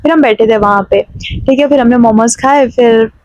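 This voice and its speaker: A woman's voice: a little high, normal speed, a little mellow, dry recording, dull audio. A young woman from Himachal Pradesh, a vlogger telling a story to camera in a chatty way with many fillers and restarts. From Himachal Pradesh, India.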